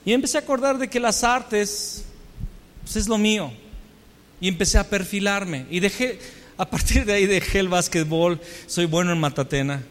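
A man's voice: high-pitched, moderate pace, a bit bright, a little hiss or hum. A man with a Mexican accent preaching a storytelling sermon, full of rhetorical questions and self-mocking humor. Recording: long hall reverb.

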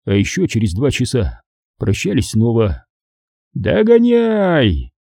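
Husky, dark-voiced male storyteller. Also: mid-range voice, sing-song, moderate pace, no room sound, studio quality. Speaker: audiobook narrator. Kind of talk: scripted war-story narration.

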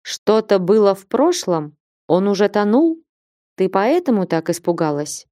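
A woman voicing a steppe warrior man who speaks quietly and calmly, with a lowered voice. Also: unhurried, no echo, studio quality, natural voice. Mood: soothing. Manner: calm, quiet, firm. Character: stern low-voiced male steppe commander.

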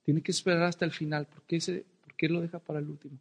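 Dramatic preacher in a reverberant hall. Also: male voice, on the high side, flat delivery, fast, vocal fry. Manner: dramatic storyteller, shouting and whispering for effect. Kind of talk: sermon with personal story.

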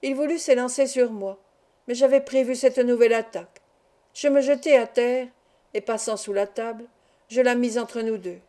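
A woman reading a novel aloud as an audiobook, calm and measured. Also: a little high. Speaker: audiobook reader. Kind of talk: audiobook narration.

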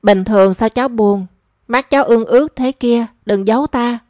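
A kind, ailing elderly woman speaks gently and protectively, voiced by a woman narrator. The voice is fairly high and close, with a dry sound. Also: moderate pace, no room sound, lightly acted. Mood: concerned. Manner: gentle, caring and coaxing.

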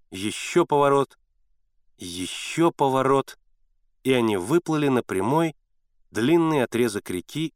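A man reading a story aloud as an audiobook narrator, in steady scripted narration. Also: medium pitch, no room sound, studio quality.

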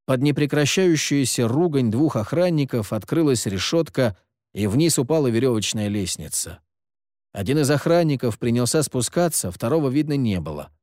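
A man reads an audiobook aloud, telling the story in a measured and expressive way. His voice sits in the mid-range, and the clean studio recording has no echo.

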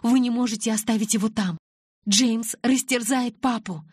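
Brief: female reader doing a frantic teenage girl, low husky voice, storybook audiobook. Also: fairly quick, no echo, studio quality. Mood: screaming. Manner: pleading, rising to shouts. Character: frightened desperate teenage girl.

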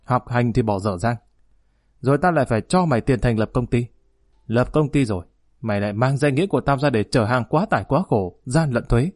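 A stern aging father lashes out at his son in a harsh, raised voice, as a male audiobook narrator reads him. The voice sits at a middle pitch. The recording is close and dry. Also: brisk, dry recording, natural voice. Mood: scolding. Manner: harsh, scolding, loud.

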